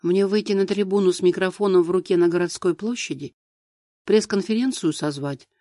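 A composed, defiant young wife, voiced by a male reader in an audiobook. She speaks quietly and coolly, keeping herself in check. The voice sits fairly high for a man and sounds dry and close. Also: a little fast, no echo, close to an everyday voice. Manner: calm, quiet, cool.

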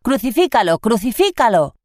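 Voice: mid-range voice, expressive, normal speed, darkish tone, dry recording, clean studio sound, pitched above the performer's own voice, natural voice. Reader voicing an insistent crowd of accusers. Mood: demanding. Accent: Spain Spanish. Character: angry shouting crowd of accusers.

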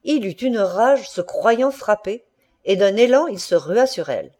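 A woman narrates a classic short story for an audiobook. Her tone is mellow and dark, and her pitch moves in lively arcs that follow the drama of the prose. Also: unhurried. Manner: expressive literary reading. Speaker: audiobook reader. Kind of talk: scripted narration.

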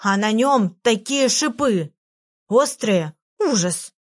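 A woman's voice: on the high side, slow pace. Woman voicing a chirpy tiny magic creature. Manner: lively, exclaiming, tattletale.

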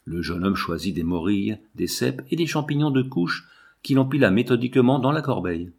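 A man reading a novel aloud as an audiobook, with measured, literary narration. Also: mid-range voice, lively intonation, creaky, darkish tone, breathy edge.

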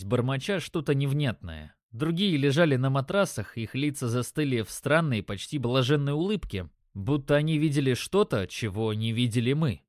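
A man narrating a story in a steady, measured audiobook style. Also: medium pitch, dry recording, clean studio sound.

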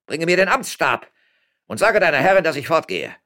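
A man voicing a pompous, blustering mayor who mocks and boasts loudly. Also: on the high side, very animated, a little fast, voice pushed up. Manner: boastful, mocking, loud bluster. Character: pompous blustering middle-aged male mayor.

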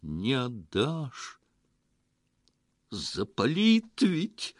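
A male reader doing a grumpy unshaven village man who bursts into loud, high, agitated shouting, his voice swinging widely. The recording is dry and close, with no room sound. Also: sing-song, takes it slowly, no room sound. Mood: alarmed.

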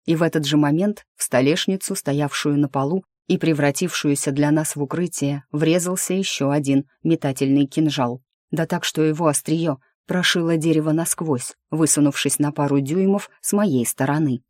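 A woman reading a first-person fantasy audiobook in a lively, wry storytelling manner. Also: low voice, normal speed, hardly any pauses, no echo, studio quality. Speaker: audiobook narrator. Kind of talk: scripted fantasy narration.

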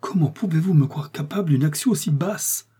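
A frail, tearful servant woman, as a male reader puts her on, trembles and sobs through her pleading. The voice sits higher than the reader's own, dark and husky. An audiobook figure. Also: brisk. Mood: distraught. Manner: trembling, sobbing pleas.

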